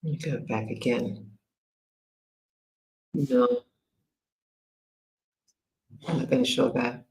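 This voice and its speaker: Host: low-pitched American woman, unhurried, halting livestream chat. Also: creaky, a little mellow, rough recording. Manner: halting, many fillers and restarts while working the screen. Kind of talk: casual livestream commentary.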